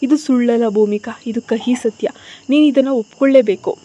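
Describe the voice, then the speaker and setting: A calm, somber young man who talks low and gentle, as a woman narrator puts him on. The tone stays mellow and dark. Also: moderate pace, dull audio, close to an everyday voice.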